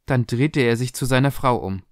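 A man narrating a short story in a steady, expressive reading voice. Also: mid-range voice, normal speed, no echo, clean studio sound. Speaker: audiobook narrator.

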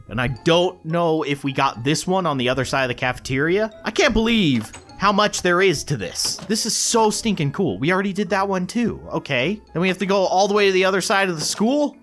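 A young man giving casual, excitable commentary while playing a video game. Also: on the high side. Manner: excitable, chatty, quick reactions. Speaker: gaming YouTuber. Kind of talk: casual let's-play commentary.

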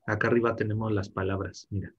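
A man's voice: lowish voice, flat delivery, fast talker, fairly bright tone, husky, muffled recording. A man teaching English to children in an online class, patient and encouraging, mixing English and Spanish. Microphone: video call.

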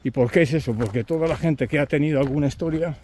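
A man's voice: on the high side, fast talker, darkish tone, slight background noise. A man, telling chatty anecdotes on camera while walking a rural trail, chuckling and acting out his companions' lines. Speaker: pilgrim vlogger.

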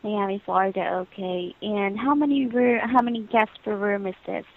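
A hotel booking agent speaks politely and patiently over the phone in formulaic customer-service phrases. Her voice is mid-range and moderately paced, captured over a telephone line as a muffled, lo-fi call.

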